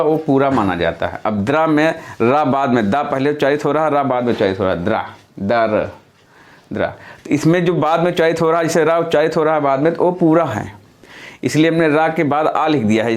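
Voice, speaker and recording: A man teaching a lesson, who explains patiently step by step, repeats key points and corrects himself as he goes. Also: a little high. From India. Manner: self-correcting, thinking aloud mid-explanation. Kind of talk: classroom-style lesson.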